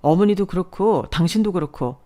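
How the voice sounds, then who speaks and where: A woman voicing a weary husband who shouts at his mother and wife to stop. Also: fairly low pitch, a little fast, natural voice. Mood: exasperated. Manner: exasperated shouting. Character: weary husband losing patience.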